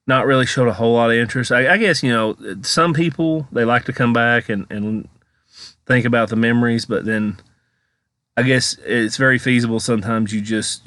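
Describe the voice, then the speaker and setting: A man's voice: mid-range voice, fairly bright tone, no room sound. An American man giving a casual, chatty voice-over as a vlogger, rambling informally as he comments on exploration footage.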